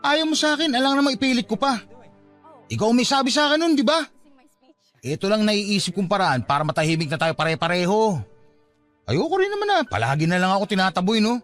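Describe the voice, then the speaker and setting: A man speaks in a high, very animated voice, fairly quickly and with a slightly bright tone, over soft background music. He's an actor in an emotional, reproachful Filipino radio drama, playing a hurt, fed-up young father who is giving up on his unrequited love. He sounds frustrated and hurt.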